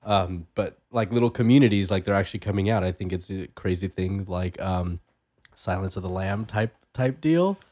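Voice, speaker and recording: A man co-hosting a podcast in casual chat, relaxed and agreeable, often trailing off with fillers. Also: sits low, normal speed. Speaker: podcast co-host.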